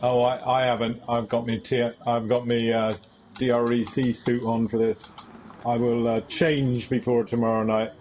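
A man's voice: medium pitch, little pitch movement, moderate pace, darkish tone, lo-fi sound, a little hiss or hum. A man casually chatting and thinking aloud about race strategy with his sim racing teammates. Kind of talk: casual chat over team voice chat.

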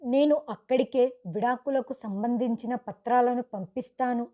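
A blunt, reproachful husband figure in a told story, bitter and set on leaving, voiced by a woman narrator. The voice sits a little high and sounds mellow and soft-edged rather than bright. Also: moderate pace, natural voice. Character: bitter husband, a man in middle age, set on divorce.

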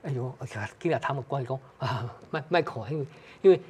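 Taiwanese accent, talk show guest, ghost story telling, rapid pace, husky tone, hesitant restarts. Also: mid-range voice, mellow. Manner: fast, hesitant, mixes in Hokkien phrases. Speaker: studio guest.

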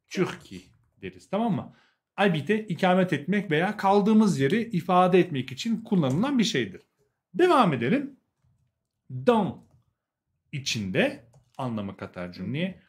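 Türk aksanlı, tiz sesli, iniş çıkışlı erkek öğretmen. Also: male voice, fairly high pitch. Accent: Turkish. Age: young adult. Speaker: language teacher, host. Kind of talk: live lesson, explaining and translating.

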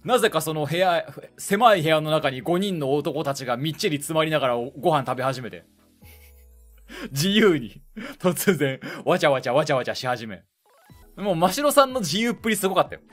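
A male streamer casually recounting a story, animated and playing other people's lines in a higher voice. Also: normal speed, soft background music.

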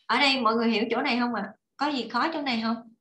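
A fairly high-voiced woman teaches an online language class. She talks casually and patiently, repeating each example as she writes it. The audio sounds echoey, like a computer call. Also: fairly even intonation, rapid-fire, bright, forceful tone. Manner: patient, repeats and demonstrates while writing.

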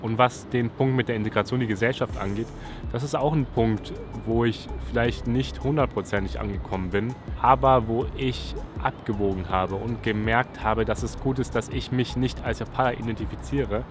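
A young man from Germany talking casually to a handheld camera outdoors in a relaxed, chatty way. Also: mid-range voice, normal speed, music in the background. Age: young adult. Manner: relaxed, chatty, thinking aloud. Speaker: YouTuber. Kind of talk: casual vlog talk to camera. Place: outdoors by a city riverside railing. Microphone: selfie camera at arm's length.

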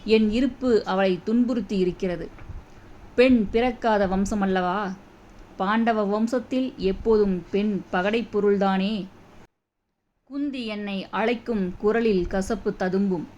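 Woman, audiobook narrator, first-person literary reading, solemn, very slow, muffled audio. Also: mid-range voice, darkish tone. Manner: solemn, reflective, unhurried reading. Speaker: audiobook reader. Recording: dull audio, faint background noise.

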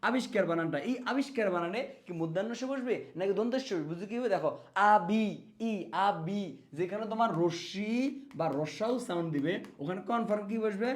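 A man's voice: high-pitched, a little fast. A man teaching an exam spelling lesson, speaking to students as friends and repeating words so they stick. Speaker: exam prep tutor.

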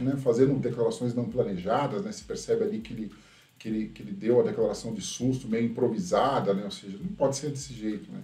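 A man gives critical tech commentary in a warm, mellow voice. His sentences keep trailing into a questioning "right?". He sits back from the mic, and the room adds a noticeable echo. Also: mid-range voice. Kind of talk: casual opinion commentary. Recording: roomy echo from a distant mic.

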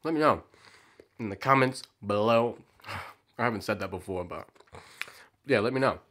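A man's voice: fairly low pitch, moderate pace, fairly bright tone. A man vlogging casually as he eats, talking with his mouth full in a laid-back, rambling way. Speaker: food vlogger. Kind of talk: casual chat to camera while eating.

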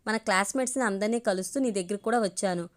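An earnest, pleading young man in love, hesitant at first and then eager, as a woman storyteller reads his lines. Her voice sits at an ordinary middle pitch and stays close to her own plain reading tone. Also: quick pace, lightly acted.

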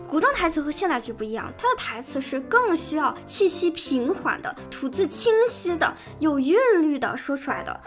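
Lively, high-voiced woman critic. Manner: sharp and sarcastic. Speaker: video commentator. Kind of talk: critical video commentary.

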